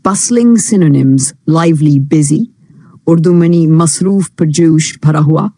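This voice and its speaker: A teacher reads a textbook lesson at a very slow, deliberate pace. The voice is mellow and dark with a gravelly edge. The sound is dry and close. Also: medium pitch, no echo. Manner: reads each English phrase, then gives its meaning. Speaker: English teacher. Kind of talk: reading a textbook lesson with translation.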